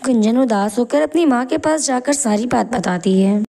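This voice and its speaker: Woman narrator, steady storytelling, higher gravelly voice. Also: normal speed.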